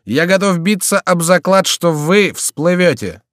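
A man voicing an impatient, commanding Gascon rider who shouts his orders. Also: a little high, sing-song, fairly quick, dry recording, studio quality, pitched above the performer's own voice. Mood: urging.

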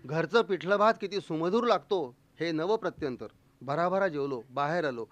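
A man spins a comic first-person tale, his voice sitting high. He tells it playfully and slips in quick voices for the people he quotes. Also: expressive, a little hiss or hum. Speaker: storyteller. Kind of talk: humorous first-person storytelling.

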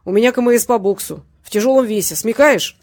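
A hulking, jovial heavyweight bruiser of a man, as a woman reading a storybook puts him on. He talks loud and brash, with a booming, hearty laugh and a slightly raised pitch. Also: quick pace. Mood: boisterous. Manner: loud, brash, back-slapping. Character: huge jovial heavyweight boxer man with bass voice.

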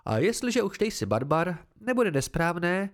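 A man's voice: high voice, sing-song. A man voicing a stern, confident woman who teaches swordcraft, blunt and instructive in an amateur audiobook reading.

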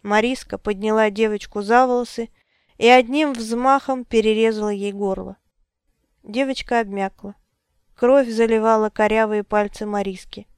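Clear-voiced woman narrating an audiobook. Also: fairly high pitch, darkish tone, no room sound, clean studio sound.

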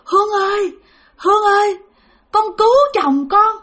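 Tormented old man's ghost, high bright sobbing voice, put on by a woman storyteller. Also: sing-song, a little fast. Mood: pleading. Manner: sobbing, pleading, repeats cries. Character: dead grandfather's ghost, old man, pained, weeping.

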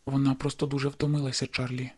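A woman voicing a gentle young male vampire who speaks softly and soothingly in an audiobook. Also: a bass voice, fairly even intonation, a little fast, slightly rough, pitched below the performer's own voice. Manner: soft, hushed and soothing.

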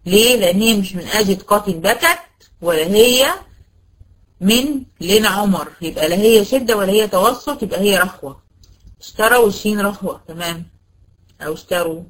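A woman's voice: mid-range voice, brisk, poor audio. A woman with an Egyptian accent teaching a tajweed lesson, patiently quizzing her students with questions and correcting their answers. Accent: Egyptian Arabic. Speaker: Quran recitation teacher.

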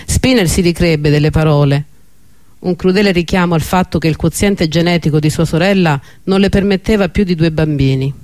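A man narrating an audiobook with a steady, expressive delivery. His voice sits on the high side for a man. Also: brisk.

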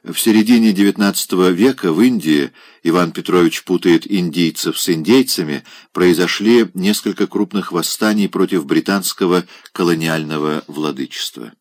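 A man narrating a classic novel as an audiobook in an expressive, measured reading. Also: deep voice, dry recording.

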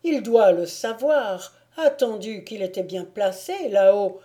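An eager huntsman servant heaps blame on a suspect in an audiobook, voiced by a woman. The voice is slow and accusing, with a warm, dark tone. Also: mid-range voice, expressive. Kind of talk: audiobook reading.

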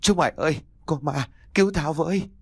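Man playing a terrified old landlord, high panicky yelps, dry close sound. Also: fairly quick, gravelly, slightly rough, no echo. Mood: panicked. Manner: panicked, shouting.

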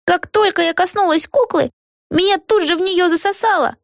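A woman voicing a girl trapped in a doll, speaking slowly in a tiny squeaky voice. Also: no echo, clean studio sound. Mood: chatty. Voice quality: squeaky, slow. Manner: slow sing-song speech. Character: little girl turned into a doll.

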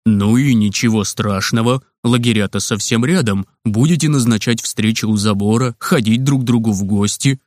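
A man voicing a calm, dryly amused father in a storybook reading. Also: on the low side, normal speed, few pauses, dry recording, clean studio sound, pitched below the performer's own voice, close to an everyday voice. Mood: wry. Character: calm wry father, dry and patient.

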